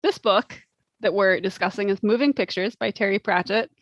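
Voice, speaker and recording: A woman's voice: mid-range voice, moderate pace, no room sound, lo-fi sound. A woman co-hosting a book podcast, chatting casually in a wry, informal way. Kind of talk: casual chat.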